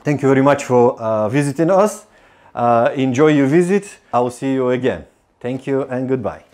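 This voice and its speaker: A man in his forties, originally from Bulgaria, gives a welcoming talk as a youth coordinator. His speech is halting and full of fillers and restarts, at a middle pitch, picked up on a lapel mic indoors. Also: lively intonation, darkish tone. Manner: hesitant, many fillers and restarts. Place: indoor office and youth club.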